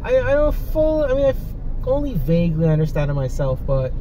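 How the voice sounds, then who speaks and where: Higher-voiced man chatting casually in a noisy car. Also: sing-song, fairly quick, mellow. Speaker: visitor in conversation. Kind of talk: casual chat, storytelling. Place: inside a car on a road at night. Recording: noisy car interior with road noise.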